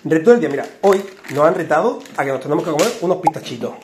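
A man in his thirties speaks with a Peninsular Spanish accent, chatting casually to the camera as a vlog host. He is recorded on a phone in a small kitchen, with a roomy echo and clear background noise. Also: fairly high pitch, lively intonation, very fast. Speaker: father hosting a food challenge vlog. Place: small home kitchen, indoors.

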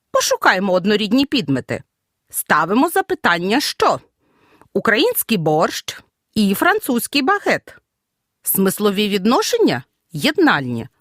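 A woman teaching a scripted audio grammar lesson, speaking clearly and measuredly and stressing each example. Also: medium pitch, no room sound, clean studio sound. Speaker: Ukrainian language teacher.

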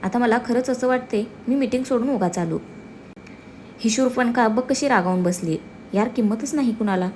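Woman voicing a brusque young husband, blunt, commanding, fairly high pitch. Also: normal speed, darkish tone, a little hiss or hum, natural voice. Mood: firm.

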